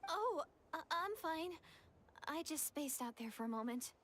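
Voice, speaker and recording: A woman's voice: high-pitched, lively intonation, a bit bright, a little hiss or hum. A woman playing a shy, awkward, devoted young woman in a fantasy video game, speaking hesitantly. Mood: flustered, shy. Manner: hesitant, halting. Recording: game music behind the voice.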